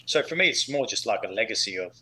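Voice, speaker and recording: A man's voice: on the low side, lively intonation, fast, bright, forceful tone, rough recording. A man in his thirties from Western Australia with an Australian accent, answering as a podcast guest in a rambling way with many fillers. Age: 30s. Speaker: guest, company founder.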